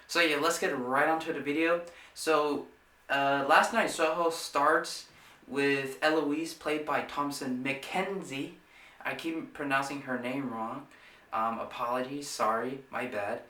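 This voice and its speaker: A man's voice: medium pitch, fairly even intonation, measured pace, bright, forceful tone, far from the mic. A man hosting a casual movie review vlog, talking eagerly and rambling with many fillers and restarts. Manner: eager, enthusiastic. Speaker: movie reviewer, channel host. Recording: roomy, away from the mic.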